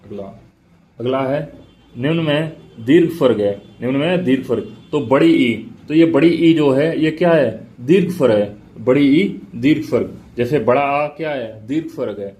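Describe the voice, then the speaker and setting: A man's voice: mid-range voice, normal speed, dark tone. A male teacher giving an exam prep lecture, asking questions aloud and answering them himself, repeating each key point.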